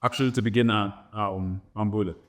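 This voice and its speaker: Speaking at a fairly low pitch with fairly even intonation and a moderate pace, this thirtysomething DJ with roots in Germany and Namibia reminisces about his records. His slight German accent comes through as he rambles, restarts repeatedly, and adds "right?" to his sentences in the casual interview.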